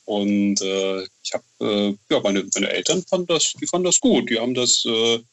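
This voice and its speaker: As a guest on a casual, reminiscing interview, a novelist from Bonn in western Germany chats enthusiastically, often tacking on tag questions to win agreement. His voice sits on the low side with a fairly bright tone, at a moderate pace, and the sound is lo-fi.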